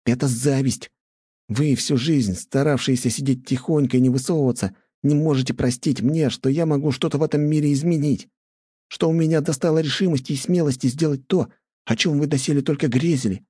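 A man voicing a defiant, hot-headed young man in an audiobook, with a husky voice. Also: a little high, brisk, warm tone, dry recording, studio quality, voice pushed up. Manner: defiant, heated.

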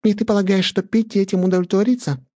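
Man doing a cutting red-haired girl, high voice, mellow tone, dry sound, audiobook. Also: a little fast, no echo, natural voice. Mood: scornful. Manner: mocking, cutting. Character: sharp-tongued red-haired young girl.

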